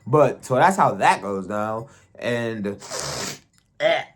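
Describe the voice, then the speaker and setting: A man's voice: mid-range voice, slow pace. Profane slangy man recapping a show. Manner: profane, slangy, animated storytelling. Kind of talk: casual episode recap.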